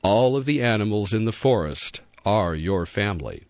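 A man voicing a great silver wolf who speaks slowly, deliberately and gently. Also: fairly low pitch, expressive, dry recording, highs cut off. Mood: gentle.

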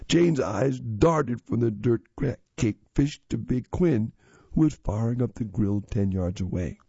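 A man reading magazine stories and articles aloud in a steady, measured way. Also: medium pitch, creaky, slightly rough, dry recording. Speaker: magazine reader. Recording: dull lo-fi recording.

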